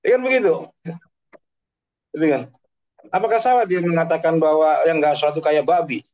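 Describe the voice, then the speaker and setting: In a rough recording, a male Islamic preacher with a fairly high, slightly mellow voice speaks a little fast in a casual online religious talk. He chats in slangy everyday terms, tags his lines with "kan begitu," and laughs at the examples he gives.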